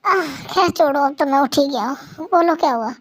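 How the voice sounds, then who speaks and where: A woman's voice: high-pitched, brisk, close to an everyday voice. A woman voicing a sleepy young husband soothing his angry partner, in an amateur fan dub. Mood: groggy. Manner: lazy, soothing, teasing.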